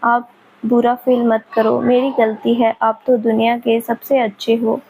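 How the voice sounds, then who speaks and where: A tearful young woman begs forgiveness in soft, broken pleas, read by a woman storyteller. The voice sits fairly high and stays gentle and apologetic, like a girl close to sobbing in a storybook. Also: flat delivery, a little slow, slight background noise, low-quality recording. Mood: pleading. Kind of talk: storybook dialogue reading.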